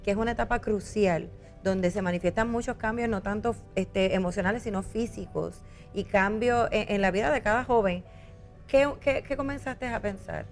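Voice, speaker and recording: Measured woman interviewer. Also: mid-range voice, faint music behind. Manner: measured, summarizing and prompting. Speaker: interviewer, host. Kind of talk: interview questions.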